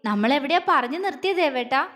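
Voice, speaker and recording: A woman's voice: sits high, lively intonation, fast talker, a bit bright. A woman voicing a playful, coaxing young wife. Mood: teasing. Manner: coaxing, sing-song, childlike pleading. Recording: long reverb.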